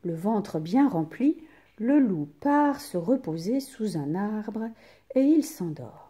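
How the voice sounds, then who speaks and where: Woman storyteller for kids' tale, slow and expressive, warm mellow tone, lively pitch. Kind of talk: children's story reading.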